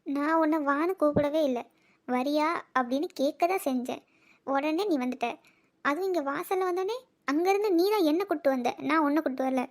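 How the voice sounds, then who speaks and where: A woman's voice: high-pitched, moderate pace, natural voice. A woman voicing a teasing, scheming teenage sister in a cartoon, needling her brother with mock threats. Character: teen girl, teasing and scheming younger sister.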